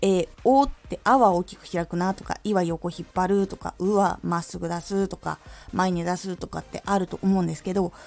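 A woman who used to be a voice actor hosts an audio stream and teaches diction, demonstrating each vowel clearly. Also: lowish voice, fairly quick, hardly any pauses. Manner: lively teacherly delivery with clear articulation demos. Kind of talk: instructional talk on diction.

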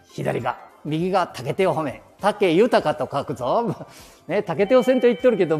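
An older man speaks through a face mask in a folksy Nagoya-area accent. His fairly high voice swings up and down in lively fashion as he thinks aloud on a walk outdoors. Faint music sits behind him. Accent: Nagoya-area Japanese (Aichi). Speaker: vlogger. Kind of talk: casual rambling walking commentary. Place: outdoors, walking through town streets.

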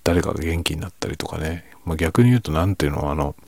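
A man with a very deep, gravelly voice speaks softly in a casual, reflective monologue. His husky tone stays low-key and self-deprecating, as if talking late at night. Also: fast, no echo. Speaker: streamer and hobby novelist.

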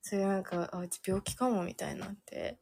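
A woman's voice: medium pitch, fairly even intonation, brisk, gravelly, warm tone, a little hiss or hum. A young woman in her twenties, a podcast guest telling a rambling, giggly story full of fillers. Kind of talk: casual chat.

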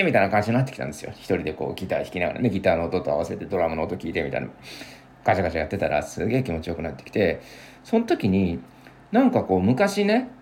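A young man in his twenties chatting alone in a casual, rambling way, with many fillers and sudden lively bursts. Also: low voice, a little hiss or hum. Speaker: podcast host. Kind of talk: casual solo chat.

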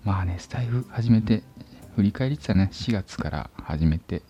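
A man's voice: lowish voice, animated, brisk, mellow, slightly rough. A man hosting a casual solo chat show, rambling with many fillers and sometimes dropping to a whisper. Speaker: podcast host. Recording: dull lo-fi phone recording.

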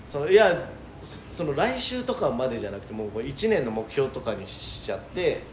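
A man co-hosting a comedy radio talk, teasing his partner with quick retorts. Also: mid-range voice, very animated, roomy sound, slight background noise. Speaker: comedy duo member, radio co-host. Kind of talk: casual comedy banter.

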